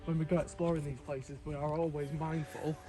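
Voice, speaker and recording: A man's voice: fairly high pitch, little pitch movement, fairly quick, poor audio. A young man, co-hosting a travel vlog outdoors, who talks in a hesitant way with many ums and restarts. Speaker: travel vlogger. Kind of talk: casual outdoor vlog chat. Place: outdoors in a field. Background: background music.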